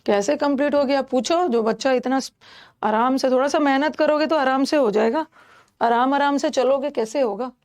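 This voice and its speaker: A woman teaching a class, explaining pronunciation slowly and repeating each sound for her students. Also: high-pitched, darkish tone. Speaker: English teacher. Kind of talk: classroom lesson.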